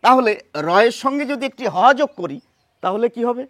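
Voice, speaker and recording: Guy with a high voice walking through letter sounds at a board, patient, dry close sound. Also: expressive, a bit bright, no room sound. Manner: patient, explanatory, repeats sounds slowly. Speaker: teacher. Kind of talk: whiteboard pronunciation lesson.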